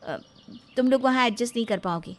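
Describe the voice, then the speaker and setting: A woman voicing an ambitious, haughty young woman officer in an animated story. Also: fairly high pitch, fairly quick, a little hiss or hum, natural voice. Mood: cold. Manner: haughty, curt.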